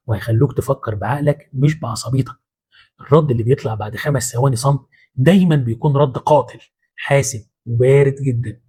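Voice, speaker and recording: A man's voice: mid-range voice, mellow, husky. A man with an Egyptian Arabic accent hosting a motivational psychology talk in a colloquial, punchy way with street-slang asides. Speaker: host.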